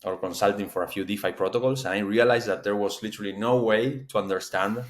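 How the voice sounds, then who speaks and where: An Argentine startup founder appears as a guest on a casual podcast interview. He talks in a measured way with a lowish voice and a steady tone, using many fillers and restarts.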